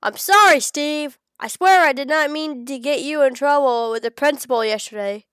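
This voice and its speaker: A woman's voice: high-pitched, moderate pace, a bit bright, no room sound. A woman voicing a timid nerdy boy begging bullies for mercy, her nose stuffed up. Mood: pleading.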